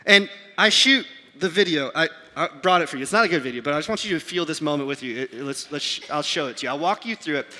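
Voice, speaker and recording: A man in his thirties preaching a sermon, telling a self-mocking story in an animated way and acting out the voices. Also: a little high, fast. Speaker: pastor. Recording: reverberant hall.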